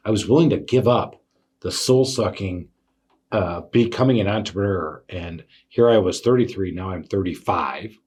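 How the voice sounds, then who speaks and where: A man telling his own workplace stories as a podcast host, animated and full of fillers. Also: on the low side, husky. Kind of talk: casual storytelling chat.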